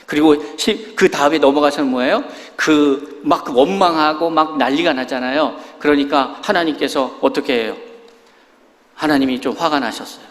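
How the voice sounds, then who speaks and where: A man's voice: a little high, normal speed, big-room sound. A man preaching a sermon as a pastor, talking in a conversational way with many rhetorical questions, in a church sanctuary.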